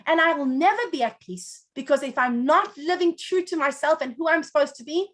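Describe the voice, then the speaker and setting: A woman teaching a class, telling a parable in an expressive storyteller's way with dramatic pauses. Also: high voice. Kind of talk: storytelling lesson.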